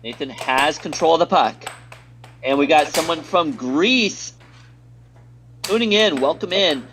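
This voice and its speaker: A man's voice: on the high side, animated, unhurried, fairly bright tone, slight background noise. An American man doing live play-by-play commentary on a stream, reading viewer chat aloud between plays in an upbeat way.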